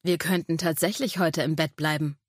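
A woman voicing an amorous young man, the narrator's lover, in a low, velvety murmur. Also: fairly even intonation, normal speed, no room sound, studio quality. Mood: teasing.

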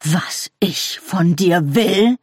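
A woman voicing an angry, menacing middle-aged father in a read-aloud story, speaking low and seething. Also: expressive, extremely slow, darkish tone, breathy edge, no echo, studio quality, full character voice. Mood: disbelieving.

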